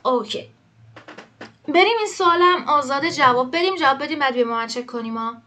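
A woman teaching an online language lesson. She explains quickly and reads the example sentences slowly and clearly. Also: high voice, lively intonation, bright, forceful tone.

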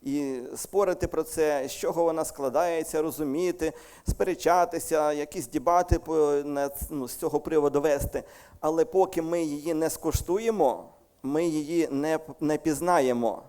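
A man's voice: on the high side, moderate pace, dark tone. A man with a Ukrainian accent preaching a sermon to his congregation in a church hall, talking conversationally, correcting himself and joking lightly. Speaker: pastor.

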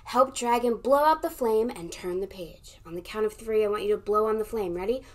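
A young woman plays a children's librarian reading aloud at storytime, her mid-range voice moving fairly quickly. She's animated, gasps for dramatic effect, and keeps urging the listener to join in.

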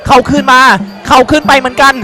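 A man's voice: extremely high pitch, little pitch movement, fast, pushed and bright. A man commentating live on a Muay Thai broadcast, exclaiming often as he narrates each blow. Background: music.

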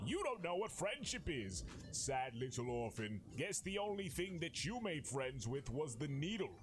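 A man's voice: a little high, very animated, normal speed, background noise. A man voicing a cocky cartoon villain in a comic parody, smug and taunting as he trash-talks. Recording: music under the voice.

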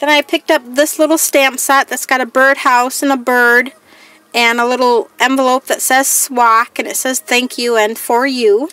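A woman's voice: high-pitched, steady tone, moderate pace, a bit bright. A woman crafting vlogger chatting casually through a haul, reading each item aloud in a plain, listing way. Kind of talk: casual haul show-and-tell.

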